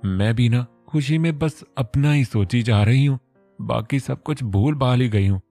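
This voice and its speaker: A man voicing a lively, teasing teenage girl in a storybook reading. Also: mid-range voice, unhurried, no room sound, faint music behind, natural voice. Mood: excited. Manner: playful, teasing.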